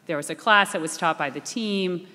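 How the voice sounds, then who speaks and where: A woman's voice: on the low side, normal speed, pushed and bright. A woman answering as a panelist, poised and upbeat with some restarts. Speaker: chief investment officer. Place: reunion event hall. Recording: echoey hall.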